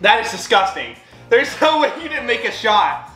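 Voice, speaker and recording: A young man hosting a sour candy challenge in excitable, slangy casual chat, reacting as he eats. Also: sits high, normal speed, music in the background. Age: young adult. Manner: animated, slangy, exclaiming reactions. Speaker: challenge video host. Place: kitchen at home, indoors. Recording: echoey room, camera microphone.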